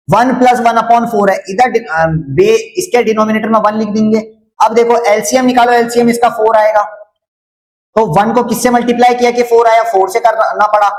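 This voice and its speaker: A man's voice: high voice, roomy sound, rough recording. A man teaching a maths lesson online, asking the same questions again and again and teasing students who get it wrong. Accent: Hindi. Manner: drills students with repeated questions, scolds jokingly.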